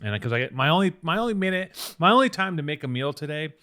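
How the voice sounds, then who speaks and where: A man co-hosting a podcast, his voice a little higher than most men's. He talks in a rambling, profane way and swings his pitch widely as he tells a story. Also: sing-song, quick pace, sharp tone. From Venice, California. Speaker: podcast co-host. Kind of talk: casual chat.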